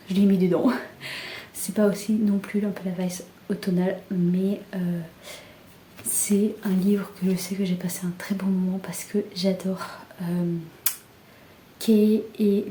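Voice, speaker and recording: Soft-spoken young woman, half-whispering. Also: fairly low pitch. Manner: soft, often half-whispered, with many fillers. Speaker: book vlogger. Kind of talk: casual book haul chat. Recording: echoey room with faint background hiss.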